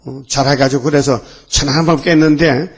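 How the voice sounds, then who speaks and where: A man's voice: a little high, fairly even intonation, moderate pace, slightly rough. Male pastor, dawn sermon, rambling and fiery, rhetorical questions.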